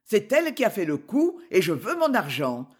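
Brief: a woman playing an aggrieved cabman, blunt and complaining, lively delivery. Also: mid-range voice, normal speed, breathy edge. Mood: grumbling. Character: grumbling male cab driver, aggrieved. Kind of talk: audiobook character reading.

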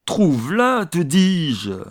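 A man's voice: fairly high pitch, wildly swooping pitch, drawn-out words, dry recording, clean studio sound, full character voice. A man voicing a hot-tempered hussar officer, reading dialogue for an audiobook. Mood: furious. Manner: bursts into loud angry outbursts.

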